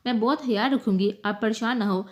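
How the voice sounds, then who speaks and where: A woman voicing a quiet, guilt-ridden young female student, in a storybook reading. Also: on the high side, natural voice. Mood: pleading. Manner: quiet, pleading.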